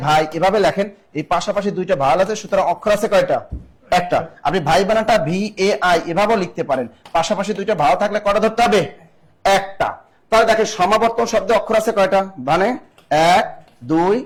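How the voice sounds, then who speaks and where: A man with a Bangladeshi accent teaching an online exam-prep class. He asks questions and answers them himself, repeating the key points. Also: sits high. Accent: Bangladeshi Bengali.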